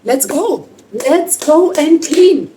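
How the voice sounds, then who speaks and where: A woman's voice: high-pitched, lively intonation, takes it slowly, mellow, distant mic, a little hiss or hum, poor audio. A woman in her forties from Lithuania, with a Lithuanian accent, chatting casually in a vlog in slightly broken English. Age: 40s. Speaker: vlogger.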